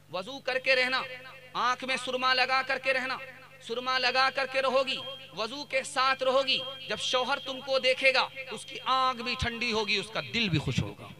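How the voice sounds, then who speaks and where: Male mufti, sermon storyteller, very high and bright, rhythmic repeating delivery. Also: unhurried. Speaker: mufti giving a religious talk.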